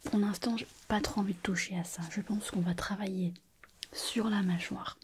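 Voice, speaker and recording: A woman playing a calm, attentive surgeon in a whispered role-play, speaking in a soft, breathy, quiet night-time hush with slow, hesitant musing and gentle instructions. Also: mid-range voice, slight background noise, close to an everyday voice. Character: calm, attentive surgeon examining a patient's face.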